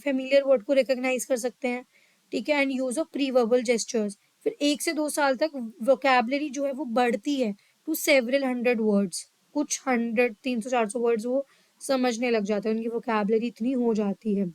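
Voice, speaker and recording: Woman lecturing psych, high voice, dry close sound, slow when reading then quick when explaining. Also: a little mellow, dry recording, low-quality recording. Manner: reads English lines slowly, explains in quick Hindi; checks in with "ठीक है". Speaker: psychology teacher. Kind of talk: lecture mixing Hindi and English.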